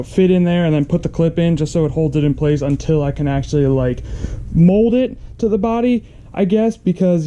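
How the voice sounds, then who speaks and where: A man's voice: on the high side, mellow, slight background noise. A young man vlogging casually about a car project in his garage, chatty and rambling with fillers. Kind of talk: casual vlog talk to camera. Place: hot home garage. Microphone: camera set down nearby.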